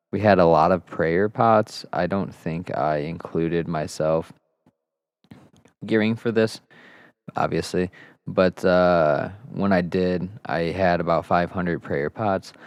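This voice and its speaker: Deep-voiced, laid-back cursing gamer guy. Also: smooth, no room sound, clean studio sound. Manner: laid-back, rambling, swears a lot. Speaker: gaming channel host. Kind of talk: casual gameplay commentary.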